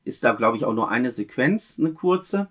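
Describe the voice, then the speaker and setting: A man's voice: mid-range voice, big pitch swings, moderate pace. A middle-aged man co-hosting a podcast, earnestly recalling films and explaining details in casual chat. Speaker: podcast co-host.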